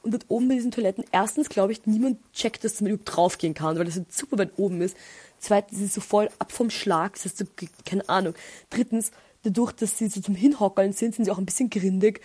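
A woman's voice: medium pitch, fast talker, husky. A young woman with an Austrian German accent, hosting a podcast and telling a story in casual chat, ranting with animation. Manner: chatty storytelling with animated rants. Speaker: podcast host.

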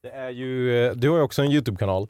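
A young man co-hosts a Swedish podcast and runs a segment, chatting loosely and jokingly with plenty of filler words. His medium-pitched voice is a little mellow and clean, with no echo.

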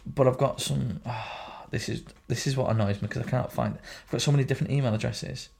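A man's voice: mid-range voice, fairly even intonation, brisk, gravelly, darkish tone, husky. A man co-hosting a casual podcast, teasing his friend and swearing freely. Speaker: podcast co-host.

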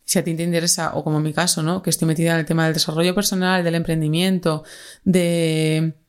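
A woman's voice: low-pitched, level tone, fast, smooth. A young woman from Spain with a Spanish accent, talking casually and at length in a solo podcast, with lots of fillers and self-corrections. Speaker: podcast host.

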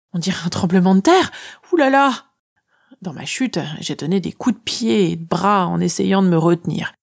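A woman telling a first-person adventure story in an expressive way, sometimes dropping to a whisper. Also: lowish voice, breathy edge.

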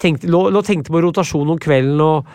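A man's voice: on the high side, a little mellow, no echo, clean studio sound. A man, telling stories as a podcast guest in a rambling, blunt way with many repeated words. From Brumunddal, Norway. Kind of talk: casual storytelling in interview.

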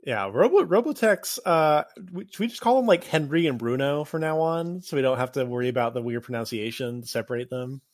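A man co-hosting a podcast in casual chat, animated and joking, quick to laugh. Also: medium pitch, no room sound, studio quality. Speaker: podcast co-host.

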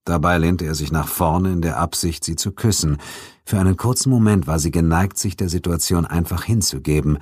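A man reading an audiobook as its narrator in a measured, even way, close on a studio mic. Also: deep voice, breathy edge, no echo. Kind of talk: scripted narration. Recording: dry studio sound.

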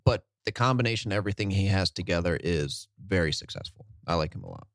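A man talking easily on a sports podcast, piling up numbers between loose filler words. His voice sits a little low. The recording is dry and close. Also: fast, no echo. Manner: relaxed, fills with "like", lists stats. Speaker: podcast co-host. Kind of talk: casual sports chat.

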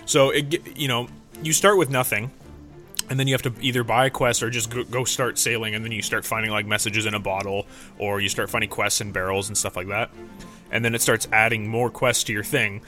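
A man's voice: lowish voice, fairly even intonation, brisk, bright, forceful tone, soft background music. A young man hosting a podcast, telling rambling, profane stories in casual chat into a studio mic. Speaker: podcast host. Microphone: studio mic through a mixer.

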